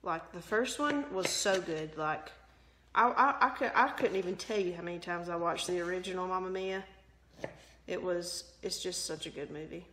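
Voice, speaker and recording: A woman's voice: fairly low pitch, normal speed, a bit bright, slight background noise, poor audio. A young woman chatting casually in her kitchen for a vlog, rambling and poking fun at herself. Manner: chatty and rambling, self-mocking, laughs often. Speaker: vlogger. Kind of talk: casual chat. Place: home kitchen.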